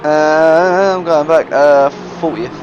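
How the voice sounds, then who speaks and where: A man co-commentating a sim race, hesitant and relaxed, often laughing along. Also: fairly high pitch, takes it slowly, muffled recording, noisy background.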